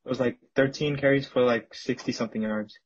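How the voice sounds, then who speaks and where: A man's voice: medium pitch, steady tone, brisk, dull audio. A man hosting a casual sports podcast, chatting about football and often repeating words as he jumps in.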